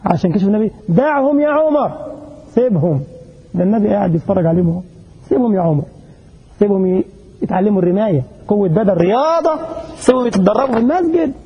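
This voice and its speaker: A man's voice: sits high, racing, slightly rough, highs cut off. A middle-aged man with an Egyptian Arabic accent, preaching a sermon, telling stories and asking the congregation rhetorical questions with emphasis. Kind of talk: mosque sermon with storytelling.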